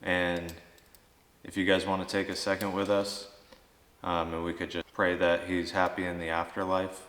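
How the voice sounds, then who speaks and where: Echoey, low-voiced man hosting a ghost hunt. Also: flat delivery, normal speed, a bit bright. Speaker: host of paranormal investigation vlog. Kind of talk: casual ghost-hunting vlog, questioning spirits. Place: inside an old general store at night. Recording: echoey reverberant large indoor room.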